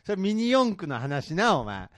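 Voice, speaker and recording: A man with a high voice that swings widely in pitch, recorded close and dry. He shoots back incredulous comedy retorts, jabbing a blunt "you" onto nearly every line. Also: sing-song, moderate pace, a bit bright, dry recording. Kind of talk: comedy duo banter.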